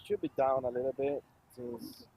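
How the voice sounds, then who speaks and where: Soft-spoken male co-commentator, far off. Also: mid-range voice, steady tone, normal speed, breathy edge. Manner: soft-spoken, brief remarks. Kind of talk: casual live match commentary. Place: outdoor soccer field at a live match. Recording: dull, noisy, distant mic.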